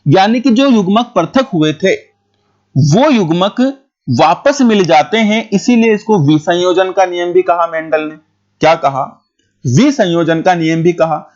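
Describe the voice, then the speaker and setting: A man teaching a school biology lesson, talking quickly, repeating points and checking whether his students follow. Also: high voice, darkish tone. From India. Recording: dull lo-fi recording.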